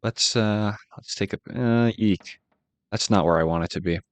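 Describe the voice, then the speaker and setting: Laid-back deep-voiced man with a Boston accent. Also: moderate pace, no room sound. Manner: laid-back, musing aloud, chuckles at himself. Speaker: gaming channel host. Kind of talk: casual relaxed gameplay commentary.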